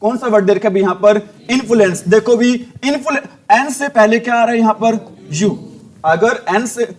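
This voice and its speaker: High-voiced Hindi teacher quizzing his class. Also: moderate pace. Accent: Haryanvi Hindi. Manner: asks students questions and answers them himself, repeating each rule. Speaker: spelling teacher. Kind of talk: classroom lesson.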